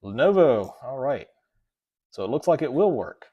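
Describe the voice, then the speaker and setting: Speaking into a desk mic with a crowd audible behind him, this Southern-accented livestream host runs a laid-back tech stream, wandering off-topic, fixing his own slips, and reading out viewers' chat messages. His mid-range voice has a sing-song lilt at a moderate speed.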